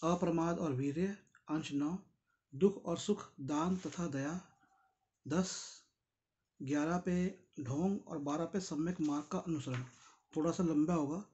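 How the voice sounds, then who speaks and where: A man's voice: fairly high pitch, slow, darkish tone, lo-fi sound. A tired man, reading a Buddhist book and explaining it in a conversational way, speaking directly to his listeners. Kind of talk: casual spoken commentary on a read text.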